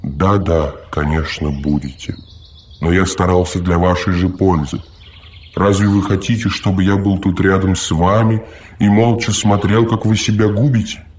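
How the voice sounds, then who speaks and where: Male reader playing a smothering robot caretaker, very low voice, preachy, audiobook. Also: flat delivery, normal speed, darkish tone, lightly acted. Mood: fussy. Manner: solicitous, lecturing, talks too much. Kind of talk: audiobook reading.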